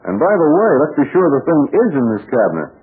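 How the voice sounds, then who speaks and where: Pat Ryan, animated radio troubleshooter. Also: male voice, on the high side, fast, husky, soft background music, heavily acted. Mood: cautious, intent. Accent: American. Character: Pat Ryan, husky adult troubleshooting adventurer, Terry's pal. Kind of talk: 1940s radio serial acting. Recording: noisy, tinny old radio recording.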